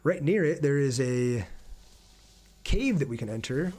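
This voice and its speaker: Reading out chat messages and thinking aloud, a casual male streamer provides chatty live gameplay commentary. His mid-range voice is expressive and darkish, with a slightly slow delivery.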